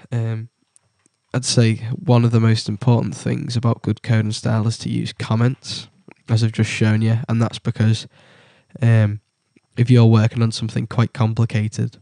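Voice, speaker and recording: A young British man with a cold, presenting a coding tutorial in a halting, casual way with many ums. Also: fairly low pitch, a little mellow, dry recording, studio quality. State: has a cold.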